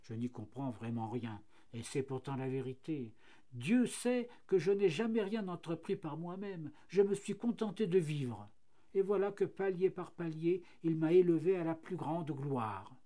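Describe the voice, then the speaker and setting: A man's voice: on the high side, measured pace, mellow, lightly acted. A man voicing a cheerful, self-satisfied flax plant that becomes linen and then paper, marvelling at its fortune. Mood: content.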